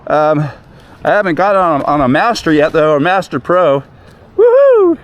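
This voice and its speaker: A man's voice: on the high side, normal speed, a bit bright. A man chatting casually to camera and thinking aloud from inside a helmet as he rides outdoors, with wind noise. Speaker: vlogger riding an electric unicycle. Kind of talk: casual vlog chat while riding. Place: outdoors on a moving electric unicycle, inside a helmet.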